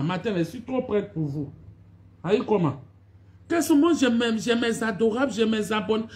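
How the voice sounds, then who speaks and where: A woman's voice: mid-range voice, darkish tone. Actress, live-stream chat, scolding and complaining to her fans. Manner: scolding, complaining, repeats greetings and "my dears" to viewers.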